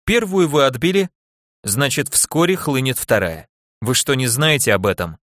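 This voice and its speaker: Guy playing a cool calm alien ambassador, measured, matter-of-fact, audiobook, dry sound. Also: medium pitch, no room sound, lightly acted.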